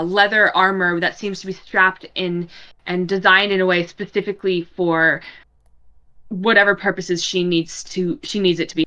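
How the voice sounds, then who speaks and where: Young woman dming, bright voice, loose chatty narrating with lots of ums. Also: medium pitch. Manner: relaxed descriptive narration with fillers. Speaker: dungeon master. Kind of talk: narrating a tabletop game.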